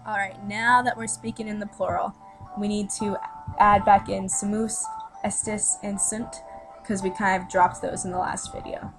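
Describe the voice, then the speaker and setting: A woman's voice: mid-range voice, level tone, moderate pace, low-quality recording. A teenage girl gives a chatty, step-by-step student lesson. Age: teens. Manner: chatty, explains step by step with fillers. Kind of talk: casual voice-over lesson. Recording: voice-over with music behind.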